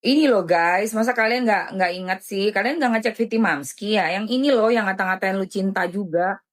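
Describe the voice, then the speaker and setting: A woman's voice: mid-range voice, fairly quick. A woman, chatting casually and indignantly while selling on a live stream.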